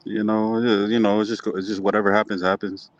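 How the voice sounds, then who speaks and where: Young male athlete in an interview: low, even voice, nonchalant and understated, dry close sound. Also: brisk, no room sound, dull audio. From Hawaii. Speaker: slap fighting athlete being interviewed. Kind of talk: casual interview answers.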